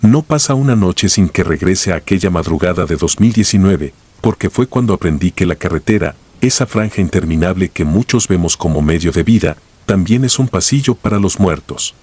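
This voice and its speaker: A man reading a first-person horror story in a slow, grave storytelling manner. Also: sits low, lively intonation, a little mellow, husky.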